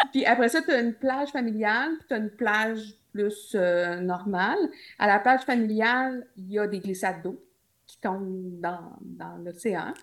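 A woman's voice: medium pitch, steady tone, unhurried. A woman with a Québécois French accent, a podcast guest telling travel stories in casual chat, with jokey asides. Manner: chatty storytelling, jokey asides.

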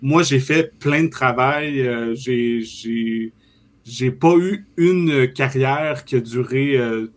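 A man in his forties with a Quebec French accent, chatting casually about a film and pausing often on fillers. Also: medium pitch. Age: 40s. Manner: relaxed, hesitant with many fillers.

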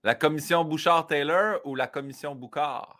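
A man's voice: on the high side, normal speed, sharp tone. A man in his thirties with a Quebec French accent, hosting a casual interview, enthusiastic and affirming. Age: 30s. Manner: enthusiastic, laughs often, affirming. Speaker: podcast host.

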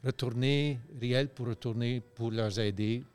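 A man, telling stories in a loose, animated way on a radio chat show, full of fillers and restarts. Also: mid-range voice, unhurried, clear, resonant tone.

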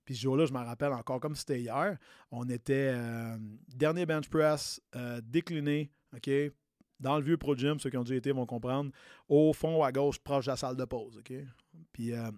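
A man's voice: medium pitch, fairly even intonation, normal speed, a little mellow, dry recording, studio quality. A man in his late thirties with a Québécois accent, a personal trainer telling a story in a loose, chatty way, slipping English slang into his talk. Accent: Québécois French. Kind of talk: casual storytelling podcast.

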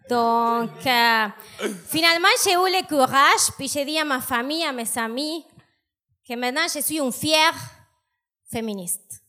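A woman from South America with a strong South American Spanish accent, doing a deadpan, self-mocking stand-up set. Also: sits high, a little slow. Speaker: stand-up comedian.

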